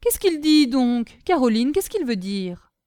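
A woman's voice: sits high, very animated, unhurried, dark tone, no room sound, studio quality. A woman voicing a stern, irritated lady of the house who questions sharply and impatiently.

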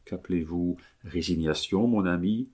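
A man's voice: deep voice, normal speed, darkish tone. A man reading an audiobook, voicing a passionate, determined young woman who presses her questions ardently. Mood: defiant.

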